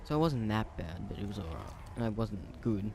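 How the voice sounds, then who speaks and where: A man's voice: fairly low pitch, big pitch swings, normal speed, noisy background. A teenage Australian guy telling a story from his own life in a casual vlog, rambling along with lots of ums and restarts. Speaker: storyteller vlogger.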